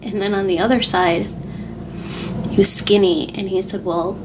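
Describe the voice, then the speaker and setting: Female vlogger, vulnerable and upset, close to tears, candid halting speech, some ambient noise behind. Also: mid-range voice, steady tone. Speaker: weight-loss vlogger. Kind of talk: confessional personal vlog.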